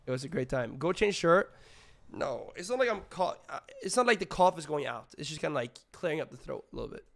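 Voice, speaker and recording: Sick, gravelly-voiced male streamer. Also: fairly high pitch, a bit bright. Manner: rambling, filler-heavy, greets chat. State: sick, hoarse voice. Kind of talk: casual live-stream chat.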